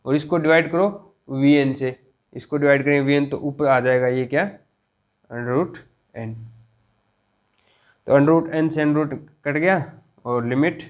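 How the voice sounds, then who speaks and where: A man teaching a college math lecture, dictating slowly and checking in with his students often. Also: a little high. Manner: slow, drawn-out dictation with frequent check-ins.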